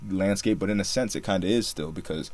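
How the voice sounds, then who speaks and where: Co-hosting a laid-back podcast, a young man from Singapore tells his story with plenty of filler words. He talks fast in a deep, darkish voice, and the recording is dry.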